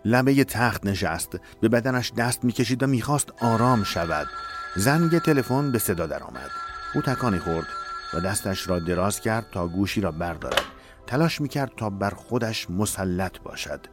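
Guy reading a dramatic story, lowish voice, soft music behind. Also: expressive. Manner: measured, emotive storytelling. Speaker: narrator. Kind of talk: dramatic audiobook narration.

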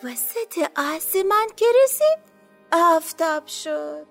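A woman's voice: very high voice, animated, creaky, fairly bright tone, pitched above the performer's own voice, exaggerated voice. A woman voicing a wary, secretive fellow prisoner who talks in guarded, curt lines in an audiobook, with faint music under her.

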